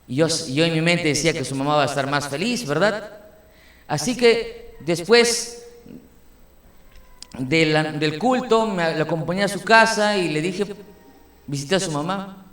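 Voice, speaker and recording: A man's voice: on the high side, unhurried, pauses often, a bit bright, reverberant. A male pastor giving a sermon, telling a story and building into emphatic preaching.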